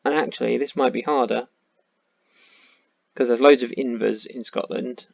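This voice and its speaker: A man's voice: mid-range voice, fairly even intonation, moderate pace, gravelly, no room sound. A man with a tired voice, thinking aloud in casual commentary while playing a map game. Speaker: game streamer. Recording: dull lo-fi sound.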